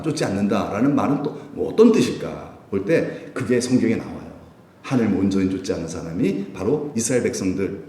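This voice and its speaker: A middle-aged male pastor preaching a sermon at a midweek prayer service, lively and playful, acting out voices and laughing as he speaks. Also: lowish voice, reverberant. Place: church sanctuary.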